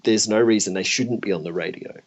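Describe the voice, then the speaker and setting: A man's voice: on the low side, brisk, husky. A man hosting a podcast in a casual, chatty style. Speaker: podcast host. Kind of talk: casual chat.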